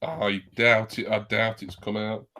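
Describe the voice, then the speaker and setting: A man's voice: on the low side, little pitch movement, measured pace, bright, forceful tone, slight background noise. A man in casual chat on a livestream call, meandering and thinking aloud as he talks.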